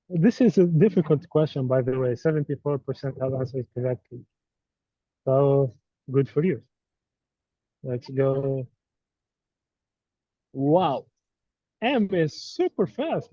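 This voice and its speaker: The speaker is an online course instructor whose first language is Arabic, and his voice is on the high side. He hosts a live quiz with a teasing, playful touch. The call audio comes through dull and dry, without any room sound.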